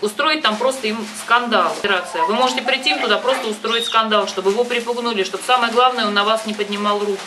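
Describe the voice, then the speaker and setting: Speaking quickly with hardly any pauses, a woman with a slightly high voice hosts a phone conversation and offers advice. She's emphatic and insistent, repeating herself for stress, while a distant microphone captures loud background noise.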